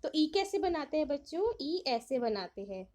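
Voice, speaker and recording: High-voiced woman teaching young children. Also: big pitch swings, a little mellow. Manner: reads English lines slowly, then explains in Hindi; asks questions and answers them herself. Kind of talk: explaining a worksheet to young children.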